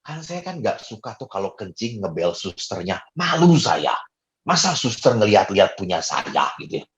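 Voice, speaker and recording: A man's voice: lowish voice, normal speed. Middle-aged male priest, homily, jokey storyteller, voice swings up and down a lot. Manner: animated, jokey storytelling with fillers. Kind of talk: homily with personal stories.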